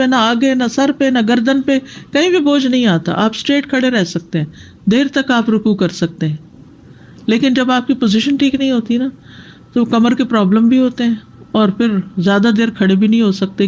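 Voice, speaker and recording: A woman's voice: fairly high pitch, darkish tone, a little hiss or hum. A woman teacher giving a religious lesson on prayer, explaining and showing postures as she goes. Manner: explanatory, demonstrating with gestures.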